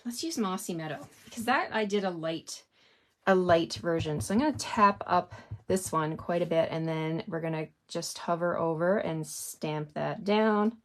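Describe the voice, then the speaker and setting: Upbeat woman chatting through a craft demo. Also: on the low side. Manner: chatty, upbeat, talks straight to viewers. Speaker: craft demonstrator. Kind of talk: live stamping tutorial.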